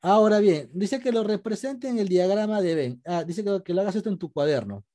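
Male teacher, patient and step-by-step, video call, very animated pitch. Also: fairly quick. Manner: patient, explains step by step, asks students questions. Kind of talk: online class lesson.

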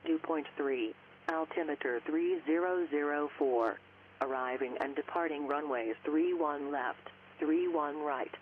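A man's voice: on the high side, unhurried. A man reading an airport weather broadcast over aircraft radio, clipped and formal, reciting figures one after another. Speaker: automated airport information broadcast. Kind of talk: formal recorded aviation announcement. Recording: muffled radio with faint static.

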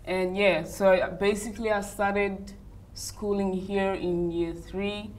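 A woman's voice: medium pitch, little pitch movement, slow pace, slight background noise. A young woman from Uganda who grew up in Australia, answering interview questions in a chatty way full of "like" and "you know". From Uganda, raised in Australia. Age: young adult. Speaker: interview guest, model. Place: hotel lounge, indoors.

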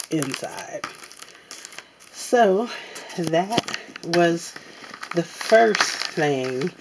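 A woman casually showing off her craft supply haul at a table, talking in an unhurried way with many ums and pauses. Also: sits low, a little mellow, slight background noise. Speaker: crafting vlogger. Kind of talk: casual haul show-and-tell. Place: indoors at a tabletop.

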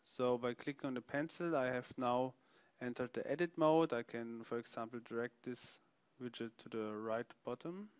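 A man narrating a software product demonstration, explaining features step by step as he clicks through them. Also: medium pitch, moderate pace, smooth, dry recording, highs cut off. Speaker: software demo presenter.

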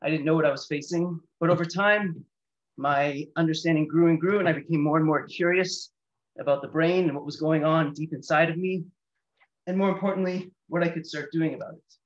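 The guest speaker, a patient advocate in his thirties from the Toronto area, has a slightly high voice with fairly even intonation and a brisk pace. Over a video call from a small indoor room, he gives a candid, reflective seminar talk in a chatty manner, with dull lo-fi audio.

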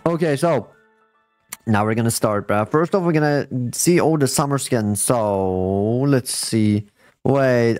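Higher-voiced casual male game streamer with music behind. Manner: slangy, addressing viewers and players as bro and guys. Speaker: live streamer hosting a game fashion show. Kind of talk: casual livestream chat and game commentary. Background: music playing behind the voice.

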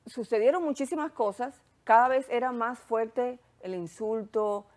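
Lively Hungarian-accented woman telling a story. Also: fairly high pitch, measured pace. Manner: animated storytelling. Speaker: sexologist guest. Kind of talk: casual chat.

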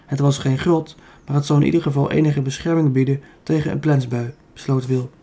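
A man's voice: medium pitch, steady tone, fairly quick, mellow, breathy edge. A man with a Dutch accent reading a children's book aloud, with small slips he corrects as he goes. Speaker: audiobook reader.

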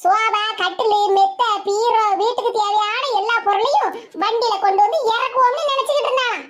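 A woman's voice: very high-pitched, noisy background. A woman voicing a fiery older village mother who scolds her daughter sharply, with a Tirunelveli Tamil accent. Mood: angry. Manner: sharp, scolding, rapid-fire complaints.

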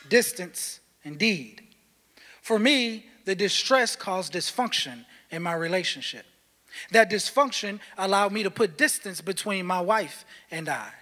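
A man preaching a sermon as pastor, impassioned and shifting between shouts and low tones, repeating words for emphasis. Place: church sanctuary. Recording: long hall reverb.

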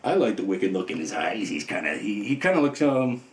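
Rambling low-voiced man in a roomy space. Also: big pitch swings, fairly quick. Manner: rambling and playful, many fillers. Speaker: toy reviewer. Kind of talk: casual unboxing chat.

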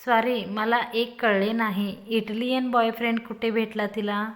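A woman's voice: a little high, little pitch movement, moderate pace, natural voice. A woman voicing an amused, skeptical young woman with a dry manner, holding back laughter.

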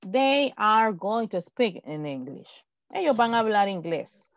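A woman teaching an online class, patiently repeating example sentences slowly. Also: medium pitch, very animated, no room sound. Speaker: English teacher. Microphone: video call. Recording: dull lo-fi video call audio.

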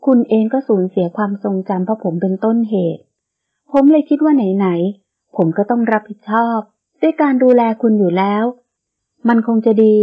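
A woman voicing a young male sheikh in an audiobook romance, speaking softly, earnestly and coaxingly. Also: medium pitch, breathy edge. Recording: dull lo-fi audio.

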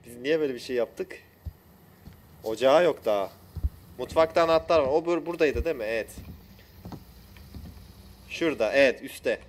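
A man's voice: mid-range voice, normal speed, pauses often, a little hiss or hum. Frustrated Turkish man streaming a game. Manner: frustrated, talks to chat. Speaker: gaming streamer. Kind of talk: live let's-play commentary.

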